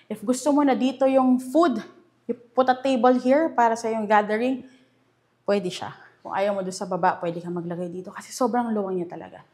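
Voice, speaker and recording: A woman's voice: mid-range voice, normal speed, darkish tone. A young woman with a Filipino accent giving a casual house tour, chatty and enthusiastic as she points out features room by room. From Philippines. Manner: chatty and enthusiastic, mixing Tagalog and English. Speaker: real estate house tour host. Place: indoors in a furnished house.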